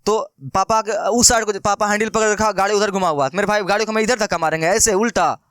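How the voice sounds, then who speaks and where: A young math teacher with a Bihari Hindi accent explains math like a casual class, asking questions and answering them himself in a chatty, playful way. His high voice is smooth, clear, steady, fast and a bit bright. The audio is dry and close, with almost no room echo.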